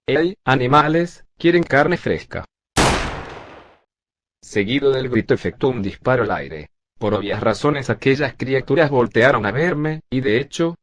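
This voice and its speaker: A male text-to-speech voice narrating a first-person zombie story in a steady, even reading. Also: medium pitch, a little hiss or hum.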